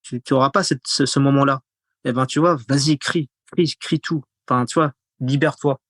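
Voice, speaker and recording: Male podcast guest, mid-pitched, rambling casual speech, very dry recording. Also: fairly even intonation, moderate pace, a bit bright, no echo. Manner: rambling, repeats words, frequent fillers. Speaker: podcast guest, content creator. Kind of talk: casual conversational interview.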